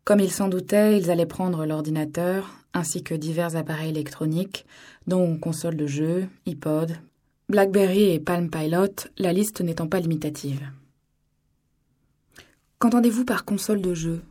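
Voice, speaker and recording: Husky woman narrating a novel. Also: lowish voice, fairly even intonation, normal speed, dark tone. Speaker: audiobook narrator. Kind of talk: scripted narration.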